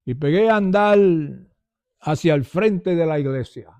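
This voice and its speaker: A man's voice: on the high side, animated, a little slow, darkish tone, no echo. An older man giving an earnest personal testimony and calling his listeners brothers.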